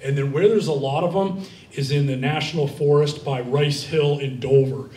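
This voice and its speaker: A man's voice: on the high side, fairly even intonation, moderate pace, warm tone, slight background noise. Rambling young man at a library talk. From Vermont. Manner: rambling, many fillers and restarts. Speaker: guest speaker. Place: library event room. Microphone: handheld mic. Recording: roomy sound from far off.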